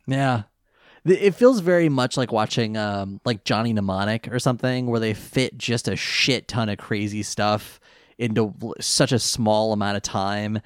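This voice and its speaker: A man co-hosting a casual podcast chat, easygoing and quick to laugh. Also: on the low side, clean tone, no echo, studio quality. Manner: giggly and easygoing, laughs often. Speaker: podcast co-host.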